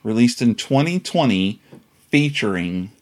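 Male podcast host, mid-range voice, highly animated intonation, casual conversational delivery. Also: measured pace.

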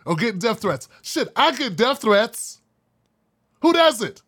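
A man hosting his own commentary show, ranting bluntly and heatedly in casual, profane talk, with quick mocking impressions. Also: very high-pitched, sing-song, a bit bright. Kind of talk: casual opinion monologue.

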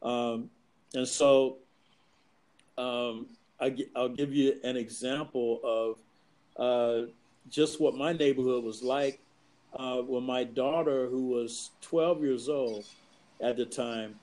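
A man's voice: mid-range voice, steady tone, darkish tone, low-quality recording. Reflective middle-aged man telling stories. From US East Coast. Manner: reflective, measured storyteller. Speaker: guest. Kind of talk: casual conversation, personal storytelling.

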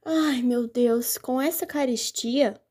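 A woman's voice: high voice, takes it slowly, warm tone, husky, heavily acted. A woman playing a miserly, fearful old man who wails and complains in a stage play. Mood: lamenting. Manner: wailing, complaining, prays to a saint.

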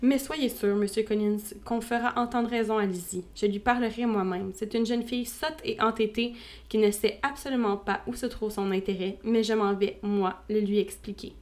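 A woman voicing a fussy, excitable middle-aged mother in a storybook reading, shrill and pleading. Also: normal speed, lightly acted. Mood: agitated.

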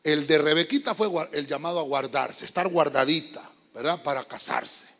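A man's voice: a little high, moderate pace, a bit bright. A man preaching a youth sermon as pastor, emphatic and calling his listeners brother while quizzing them. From Honduras. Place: church sanctuary. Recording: long reverb of a church hall.

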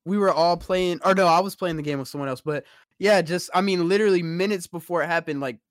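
A man's voice: sits high, fast talker, no echo, clean studio sound. A young man hosting a casual podcast, chatting and joking with friends. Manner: laughing, animated banter. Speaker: podcast host. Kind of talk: casual chat.

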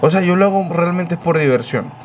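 A man's voice: sits high, a little fast, slight background noise. A man hosting a casual podcast chat, rambling and correcting himself as he goes. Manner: animated, rambling, self-correcting. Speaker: podcast host.

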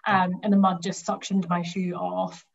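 A woman from the Highlands of Scotland with a Highland Scottish accent, chatting casually as a runner in an interview and thinking aloud. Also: little pitch movement, moderate pace, gravelly, highs cut off. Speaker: cross country runner being interviewed.

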